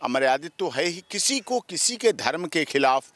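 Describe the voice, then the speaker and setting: A man's voice: on the high side, sing-song, normal speed, a bit bright, no echo. A man, a lawyer, giving emphatic comments in an interview and stacking up his points in long repeated lists. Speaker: lawyer guest.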